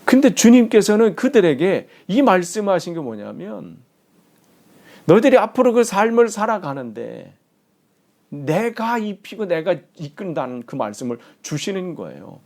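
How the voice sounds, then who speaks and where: A man's voice: sits high, normal speed, vocal fry. A man preaching a sermon as pastor, telling a story with rising emphasis and sometimes dropping to a whisper. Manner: animated storytelling, dropping to whispers for quoted lines.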